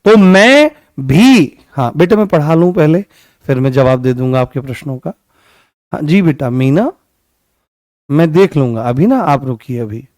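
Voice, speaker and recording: A man's voice: mid-range voice, animated, moderate pace, long pauses, warm tone, dry recording, clean studio sound. A man teaching an online grammar class, repeating key words and asking and answering his own questions.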